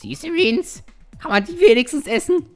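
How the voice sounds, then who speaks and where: A tiny, food-obsessed fish creature from a video game chat chirps along, naive and eager, as a woman puts it on. The voice sits well above her own, squeaky and bouncy, with plenty of swing. Faint game music plays behind. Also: expressive, normal speed. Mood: hopeful.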